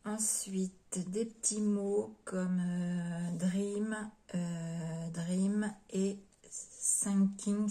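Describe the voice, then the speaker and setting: A woman craft vlogger chatting casually as she shows things off, gushing with repeated praise and often dropping to soft whispers. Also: medium pitch. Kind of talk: casual show-and-tell chat.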